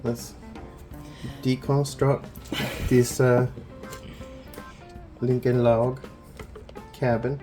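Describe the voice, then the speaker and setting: A man's voice: medium pitch, flat delivery, extremely slow, long pauses, music in the background. A man co-hosting a cooking vlog, chatting casually and cracking playful jokes. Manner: playful, wisecracking. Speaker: co-host cooking on camera.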